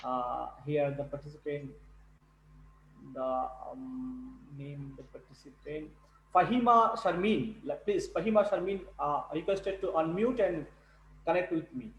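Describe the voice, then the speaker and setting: A male tutor running an online speaking class, halting and repeating words. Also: fairly high pitch, echoey room, slight background noise, poor audio. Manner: halting, repeats words, non-native English. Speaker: English test tutor. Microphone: video call.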